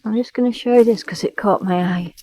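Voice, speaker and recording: A woman narrating a casual travel vlog, chatty and often dropping to a hushed whisper. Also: mid-range voice, a little fast, rough recording. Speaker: travel vlogger. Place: old village church and campervan.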